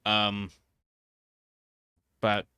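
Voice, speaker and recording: Male vlogger, low but bright voice, casual and halting, rambling to viewers. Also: monotone, clear, resonant tone, no room sound, studio quality. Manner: hesitant, halting, trailing off mid-thought. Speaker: vtuber video creator.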